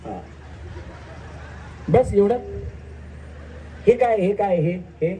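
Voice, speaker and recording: A man's voice: high voice, animated, very slow. A man with a rural Marathi accent hosts a live outdoor village game show, teasing the women players and calling out the game moves in a joking way. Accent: Marathi, rural Maharashtra. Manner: teasing, loud calls, counting out games. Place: outdoor village stage event. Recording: distant outdoor mic, faint noise.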